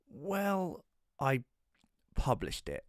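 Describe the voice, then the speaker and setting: In an audio drama, a man plays Rory, a hesitant, self-doubting magazine writer who narrates his own story in the first person and leads the cast, with dialogue mixed in. He sounds sheepish, conversational and slightly halting, with a little high, exaggerated voice and huge pitch swings. The recording is clean studio sound with no room sound.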